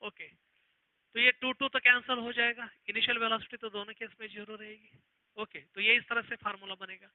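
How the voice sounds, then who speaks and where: A male physics teacher giving an online exam-prep lesson. He reads each question slowly, word by word, then explains it quickly. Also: extremely high pitch, flat delivery, dry recording. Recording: tinny phone-like audio.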